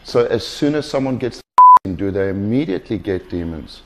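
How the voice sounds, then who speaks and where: A man's voice: lowish voice, expressive, moderate pace, background noise. A man leading a deliverance session as minister, insistent and commanding, repeating his questions and phrases. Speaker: exorcist minister. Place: small furnished indoor room.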